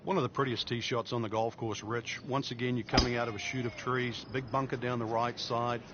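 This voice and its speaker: A man working as a golf commentator, giving measured, explanatory analysis of the play. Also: medium pitch, little pitch movement. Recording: dull lo-fi game audio, faint noise.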